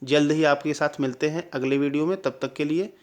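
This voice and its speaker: Male exam tutor, slightly high voice, drilling style with constant check-ins. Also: fairly even intonation, brisk. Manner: drills answers with repeated questions and "clear?" checks. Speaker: exam-prep teacher. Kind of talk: Hindi spelling lesson.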